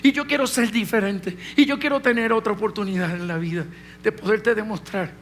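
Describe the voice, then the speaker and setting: A remorseful older father, his voice pitched high and pleading, heaps apology upon apology, as a preacher puts him on in a sermon story. A faint hiss sits under the recording. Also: a little fast, fairly bright tone.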